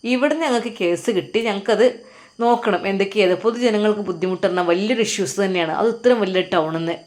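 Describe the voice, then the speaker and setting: A domineering policeman who taunts and orders people about, acted by a woman narrator. His talk is brusque and quick, with a middle pitch. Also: darkish tone, lightly acted. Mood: bossy, mocking. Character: gruff male police officer, mocking and bossy. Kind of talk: storytelling.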